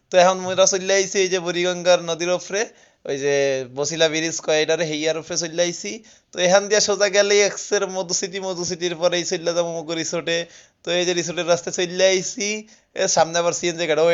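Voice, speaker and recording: A man's voice: fairly high pitch, clear, resonant tone, muffled recording. A man from Barishal with a Barishal accent, casually narrating a travel vlog at a resort, joking and chatty, often checking that listeners follow him. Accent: Barishal dialect of Bengali. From Barishal, Bangladesh. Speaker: vlogger. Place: outdoor resort with swimming pool.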